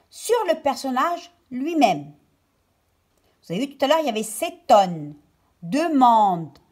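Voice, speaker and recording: Slow, high-voiced woman teaching as if dictating. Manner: didactic, phrase-by-phrase delivery as if dictating. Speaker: primary school teacher. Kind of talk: recorded lesson for children.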